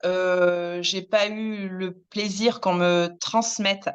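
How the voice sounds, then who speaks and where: A woman in her thirties, a hairdresser, recounting her career in a hesitant interview, with many pauses and restarts. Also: lowish voice, fairly even intonation, smooth, dull audio. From France. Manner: many fillers and restarts, soft laughs. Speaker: hairdresser and business founder, interviewee. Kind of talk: hesitant personal storytelling.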